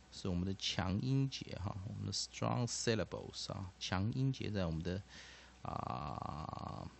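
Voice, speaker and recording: A man's voice: fairly low pitch, creaky, husky. A man teaching English pronunciation, padding his sentences with filler particles and repeating each point. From Taiwan. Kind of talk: explanatory lesson.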